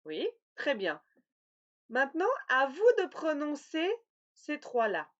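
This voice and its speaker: A woman's voice: sits high, big pitch swings, slow pace, lo-fi sound. A woman teaching French nasal sounds, articulating each word carefully and repeating for practice. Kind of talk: slow, deliberate pronunciation lesson.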